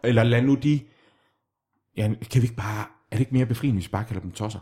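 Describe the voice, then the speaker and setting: A man playing a self-styled sexologist in a comedy chat, deadpan and hesitant, stumbling over repeated words. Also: medium pitch. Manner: hesitant, halting with many restarts.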